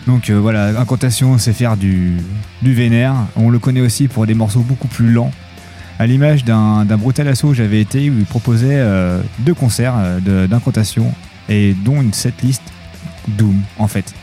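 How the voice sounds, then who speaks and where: A man from Nantes co-hosting a music radio show, talking in a laid-back, halting way. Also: mid-range voice, dark tone. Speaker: radio co-host. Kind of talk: casual radio chat.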